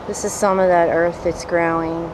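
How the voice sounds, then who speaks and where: A woman presenter describing what she sees on location, slow and descriptive. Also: fairly low pitch, level tone, heavy background noise. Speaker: show presenter. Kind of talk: on-location narration.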